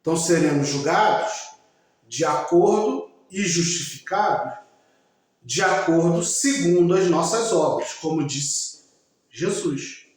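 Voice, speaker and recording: A man giving a slow, emphatic religious talk, speaking directly to his listeners. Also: fairly high pitch, lively intonation. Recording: very echoey room.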